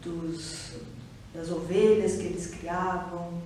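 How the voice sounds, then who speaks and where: A woman with a Curitiba Brazilian Portuguese accent speaks slowly and thoughtfully, pausing often as she reflects in an interview. Her voice is mellow and warm. It was recorded from some distance in a very echoey room, with faint ambience behind her. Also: fairly low pitch, flat delivery, a little hiss or hum. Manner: reflective, hesitant, many pauses and restarts. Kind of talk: personal testimony interview.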